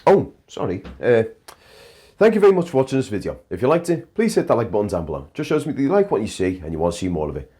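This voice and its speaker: Talking fast and very animatedly, this young vlogger narrates his drone footage in a mid-range voice that is dark and slightly rough. He's chatty and rambles, often restarting his sentences.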